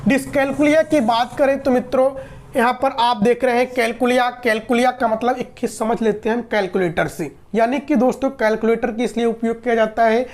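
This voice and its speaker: A woman's voice: fairly high pitch, steady tone, moderate pace, darkish tone. A woman gives an exam-prep lesson in a slightly raised voice. She explains step by step, restating each point and posing questions she answers herself. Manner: explanatory, repeats and rephrases, asks and answers own questions. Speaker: teacher.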